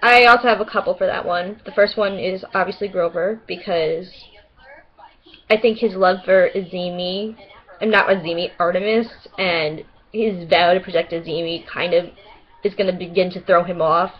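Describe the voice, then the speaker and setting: A young woman with a New York accent, rambling excitedly and swearing casually in a casual vlog. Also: on the low side, normal speed, dull audio. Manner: chatty, excitable, swears casually, laughs often. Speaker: vlogger.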